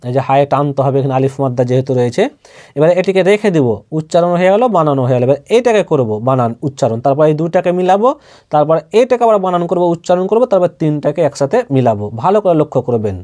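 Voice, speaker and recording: A man with a Bangladeshi accent teaches Quran reading, spelling out Arabic letters and chanting them in a drawn-out way, with quick explanations in between. His voice is on the high side, with lively intonation and a dark tone.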